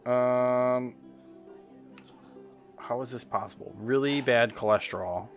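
A man's voice: mid-range voice, creaky, lo-fi sound, soft background music. A man playing a riddle game in casual chat, cracking jokes at his own guesses. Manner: joking, quick with wisecracks. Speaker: podcast co-host, game player.

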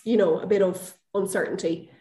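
A woman's voice: on the low side, steady tone, fairly quick, mellow, echoey room. A woman telling a refereeing story in a chatty way, acting out the dialogue with lots of fillers. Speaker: guest, former American football referee. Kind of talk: casual anecdotal interview.

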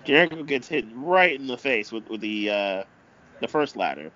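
A man giving improvised amateur wrestling commentary, speaking haltingly and often repeating himself. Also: medium pitch, animated, sharp tone, highs cut off.

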